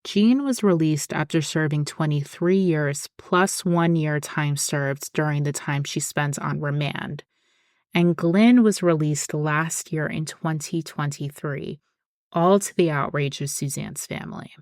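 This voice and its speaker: A woman hosting a podcast, reading a scripted true-crime narration in a measured, explanatory way. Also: low voice, a little mellow, no echo, studio quality. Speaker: podcast host.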